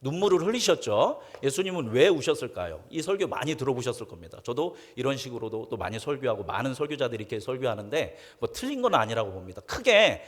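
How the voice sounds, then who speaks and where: A male pastor preaching a sermon, who asks his congregation questions and answers them himself, and reads scripture slowly and solemnly. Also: medium pitch, sing-song. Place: church sanctuary. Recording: long reverb of a church sanctuary.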